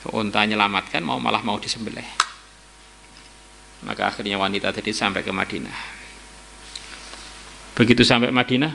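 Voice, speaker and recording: Bright, gravelly preacher man. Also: lowish voice, steady tone, normal speed, long pauses. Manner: storytelling preacher, voices quoted figures and exclaims. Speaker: kyai teaching a religious book. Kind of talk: Islamic study sermon. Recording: faint background noise and hum.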